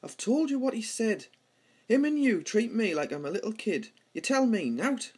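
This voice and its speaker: Reading through dramatic play dialogue as an amateur, a man speaks in the Houghton-le-Spring pitmatic accent of North East England. His voice is high yet darkish and slightly rough, swinging widely in pitch at normal speed.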